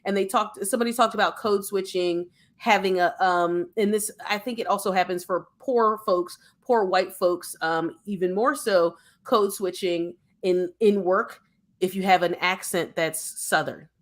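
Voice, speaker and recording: A woman from Philadelphia talks casually as a podcast co-host. She is animated and digressive, restarting her sentences often as she works through her thoughts. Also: medium pitch, moderate pace. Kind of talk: casual conversation.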